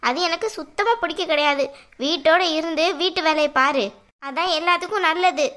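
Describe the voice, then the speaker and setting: A woman plays a stern cartoon mother-in-law with a high voice. She lectures and scolds at length in a firm tone. Under the strictness she quietly cares for her daughter-in-law. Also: a little fast. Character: stern middle-aged mother-in-law, secretly caring. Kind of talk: cartoon voice acting.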